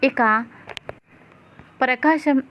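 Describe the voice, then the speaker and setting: Woman narrator, storytelling recap, higher voice, flat even delivery. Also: extremely slow, slight background noise. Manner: steady, plain retelling.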